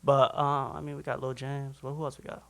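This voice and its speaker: A young man from Minnesota talks quickly and loosely as a guest in a casual interview. His voice carries a gravelly, creaky edge. He often restarts his sentences mid-thought. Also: medium pitch. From Minnesota, USA. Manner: relaxed, loose, fast-talking with frequent restarts. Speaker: musician guest.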